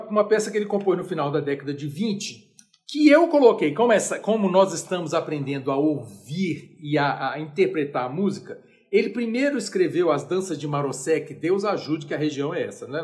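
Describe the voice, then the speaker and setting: A man's voice: fairly high pitch, a little mellow. A Brazilian man giving a chatty, informal music lecture. He is self-deprecating and sings note names aloud. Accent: Brazilian Portuguese.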